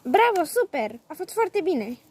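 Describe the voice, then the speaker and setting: A woman voicing a cheerful young woman at a horse show, loudly cheering on riders. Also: very high voice, big pitch swings, slight background noise. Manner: cheering, loud, encouraging. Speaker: riding competition spectator and organizer. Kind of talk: fan-made horse game drama.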